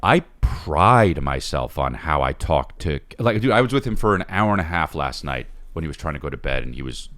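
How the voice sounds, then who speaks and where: A man co-hosting a casual comedy podcast, animated and profane, with constant quick agreements. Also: a bass voice, no echo. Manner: animated, heavy on quick yeah and right agreements. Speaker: podcast co-host.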